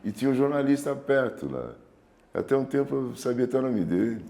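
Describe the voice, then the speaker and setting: A man's voice: medium pitch, big pitch swings, a little fast, vocal fry, dark tone. A man, telling his memories in an interview and acting out the voices of people in the story. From Brazil. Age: 70s.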